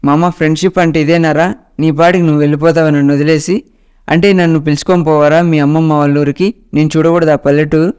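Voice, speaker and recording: A man voicing his excitable teenage best friend in a told story, coaxing and pleading. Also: on the high side, fast, clear, resonant tone, lightly acted. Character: eager teenage boy, pushy best friend.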